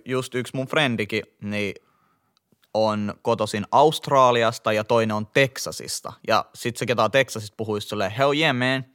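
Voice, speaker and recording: Young Helsinki man, slangy, animated. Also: lowish voice, clean tone. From Finland. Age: young adult. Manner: slangy, animated storytelling with laughs and many fillers. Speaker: podcast co-host. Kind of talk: casual chat.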